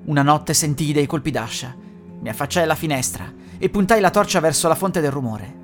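A man reading a first-person horror story as a scripted narration, slowing down and dropping low and hushed on the dark lines. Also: expressive. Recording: music bed under the voice.

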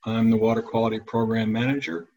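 Low-voiced man explaining as an expert. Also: fast, poor audio. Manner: relaxed, a few restarts. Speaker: wildlife agency program manager. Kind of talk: interview answers.

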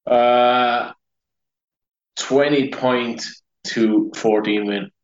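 A man's voice: mid-range voice, steady tone, very slow. A man hosting a casual sports podcast, agreeing briefly with his co-host and moving the show along to each new segment. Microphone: remote call over the internet. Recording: muffled, echoey internet call audio.

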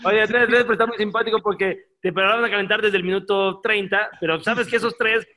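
A man's voice: high voice, steady tone, fast talker, bright, forceful tone. A man, a former footballer telling jokey anecdotes as a podcast guest. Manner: jokey, laughs while telling, imitates teammates. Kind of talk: casual storytelling, anecdotes.

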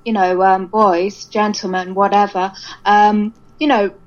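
A woman's voice: mid-range voice, level tone, measured pace. Sex: woman. Role: guest in a phone interview. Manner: chatty, with many fillers. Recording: crackly cordless phone line, dull and lo-fi, fading in and out. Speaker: guest musician. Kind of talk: casual interview over the phone.

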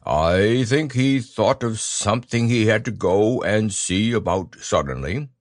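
Man doing a slow, low storybook bear. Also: lively intonation, dry recording, studio quality. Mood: earnest, hesitant. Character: slow, simple, wistful, good-natured male bear. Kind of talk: storybook character reading.

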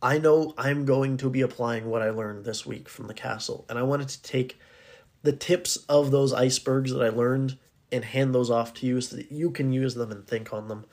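A man speaks in a raspy voice that sounds hoarse, at a medium pitch. He is hosting a solo podcast in a casual, unscripted way. His delivery is earnest and addressed directly to the listener. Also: fairly even intonation, normal speed, a little mellow. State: hoarse, needing to clear his throat. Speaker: podcast host.

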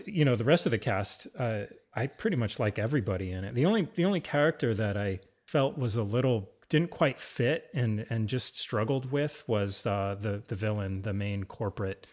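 A man in a casual film discussion, talking in a hesitant, musing way with many restarts. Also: on the low side.

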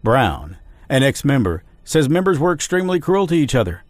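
A man's voice: mid-range voice, very animated, dry recording. A man hosting a podcast, reading a scripted true-crime narration and quoting sources. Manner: measured storytelling, reading quotes. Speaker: podcast host. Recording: dry studio voice with faint music.

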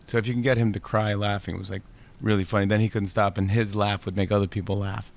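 Animated man telling stories with laughter. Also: fairly low pitch, fast talker, creaky. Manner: animated storyteller, laughs often. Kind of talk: casual chat.

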